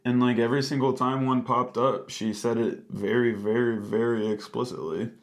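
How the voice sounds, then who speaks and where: A man's voice: mid-range voice, fairly even intonation, normal speed. A man co-hosting a casual book discussion, sounding exasperated and opinionated, peppering his talk with "like". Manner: exasperated, frequent filler "like".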